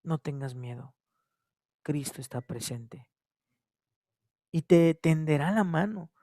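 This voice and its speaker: A pastor with a Mexican Spanish accent preaches a sermon at a church service, repeating his phrases and swinging between loud exhortation and hushed tones. His slightly high, expressive voice moves slowly, captured at studio quality with no echo.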